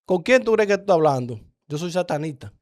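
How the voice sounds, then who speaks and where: A man's voice: fairly high pitch, animated, fast, a little mellow, lightly acted. A man quoting a blunt young satanist woman. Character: young elegant female satanist stranger, blunt and unsettling.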